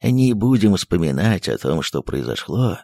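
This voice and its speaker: Man putting on a low, coaxing old postmaster, sentimental, husky, dry sound. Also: big pitch swings, normal speed, mellow, no echo, exaggerated voice. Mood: coaxing tender. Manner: low, coaxing, tender, drops into whispers. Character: fussy elderly male postmaster, sentimental, pushy.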